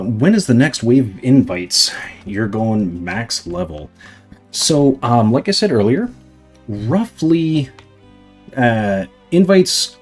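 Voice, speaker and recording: A young male livestreamer answers his chat casually, rambling with plenty of fillers. His voice is lowish and getting slightly hoarse after talking for a long time.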